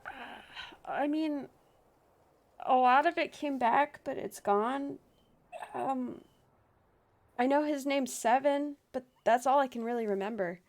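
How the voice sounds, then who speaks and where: A woman's voice: sits high, takes it slowly, long pauses. A woman playing a tabletop game, chatting casually and teasing the others. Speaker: player. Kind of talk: casual tabletop role-play.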